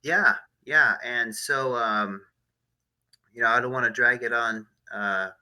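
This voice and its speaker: A man hosting a casual discussion podcast, talking in a halting way with many fillers and restarts. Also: mid-range voice, sharp tone, poor audio. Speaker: podcast host.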